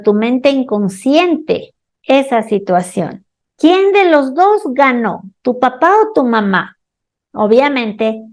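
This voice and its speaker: A woman hosting a radio show as a holistic therapist, speaking calmly and slowly, asking the listener questions. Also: sits high. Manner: calm, slow, addresses listener directly with questions. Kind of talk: scripted radio talk with examples.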